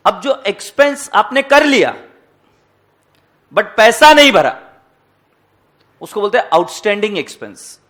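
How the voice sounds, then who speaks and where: A man teaching accounting to a classroom in a high voice. He jokes with the students and asks them question after question. He slips English phrases into his Hindi. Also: sing-song, a little slow, long pauses, pushed and bright. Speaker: accounting lecturer. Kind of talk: classroom lecture.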